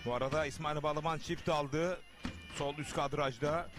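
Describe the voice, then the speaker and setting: A man's voice: on the high side, fairly even intonation, moderate pace, music in the background. A man hosting live televised wrestling commentary, addressing viewers and reading out their messages in short, emphatic phrases. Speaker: TV sports commentator and host.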